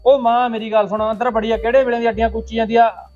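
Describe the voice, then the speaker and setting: A man's voice: very high voice, level tone, a little mellow, highs cut off, faint music behind. An actor playing a grown son who complains about his mother and wants to wash first, in a village comedy drama. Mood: complaining. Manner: complaining, quick. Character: grumbling grown son in a hurry.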